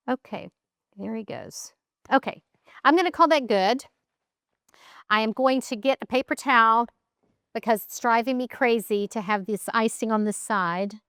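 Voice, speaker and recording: A woman's voice: fairly high pitch, fairly bright tone, clean tone, dry recording, studio quality. Chatty woman hosting a cooking show. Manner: chatty, thinks aloud while working. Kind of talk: casual cooking demonstration.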